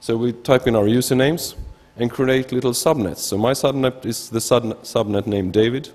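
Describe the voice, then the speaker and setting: Here a man in his thirties from Sweden presents informal technical research at a conference, his mid-range voice a little mellow and his Swedish accent noticeable. His delivery is halting, with frequent word restarts, captured by a gooseneck lectern mic in a big, reverberant hall.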